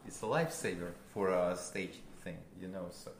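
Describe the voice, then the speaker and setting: A man with a Russian accent, a guest musician, talking casually in a halting way, searching for words with many fillers. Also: low-pitched. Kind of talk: casual interview. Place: a friend's house. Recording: roomy with background noise.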